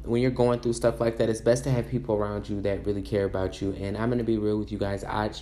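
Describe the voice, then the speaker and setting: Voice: medium pitch, dark tone. A commentator giving casual celebrity gossip commentary in a sassy, chatty way, full of asides and fillers.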